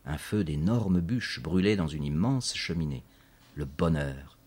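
A man reading a children's story aloud in a measured, clear narration. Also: rumbling low, expressive, darkish tone.

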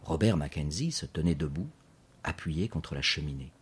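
A man reading a children's story aloud in a measured, clear narration. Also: a bass voice, lively intonation.

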